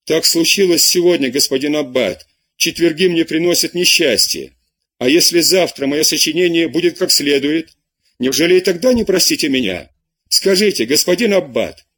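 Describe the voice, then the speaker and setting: A man's voice: fairly high pitch, lively intonation, normal speed, a bit bright, pitched above the performer's own voice. A man doing a begging teenage pupil. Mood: pleading. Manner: begging, apologetic. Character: pleading 17-year-old male pupil, timid.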